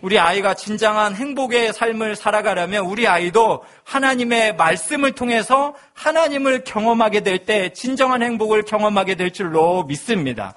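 A man's voice: high-pitched, moderate pace, few pauses, a bit bright. A male pastor in his thirties, preaching a sermon with humorous personal storytelling.

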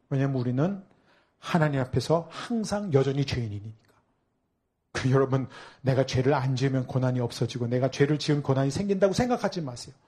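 A man's voice: mid-range voice, dark tone, breathy edge. A man preaching a sermon as a pastor, who asks the congregation questions and acts out the inner voices of believers.

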